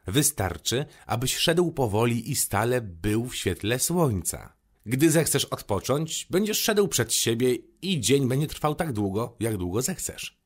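A man voicing a curious, gentle little boy prince who asks eager questions. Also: medium pitch, very animated, a little slow, pitched above the performer's own voice.

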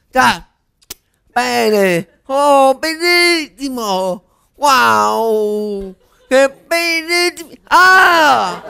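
A woman in a cabaret sketch, talking in a slow, repetitive, coaxing way. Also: a little high, vocal fry, a bit bright.

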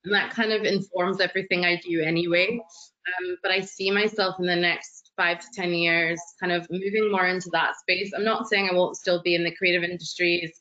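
Young woman guest, bright tense tone, enthusiastic, lo-fi webcam sound. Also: fairly low pitch, fairly even intonation, moderate pace. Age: 20s. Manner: enthusiastic, expansive, talks with her hands. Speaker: webinar guest. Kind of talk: online panel interview. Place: living room at home. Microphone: laptop webcam video call. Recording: dull lo-fi video call audio.

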